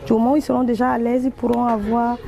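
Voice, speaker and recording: A woman's voice: on the high side, flat delivery, fast talker, gravelly, mellow. A woman from the school staff giving an earnest, plain interview statement.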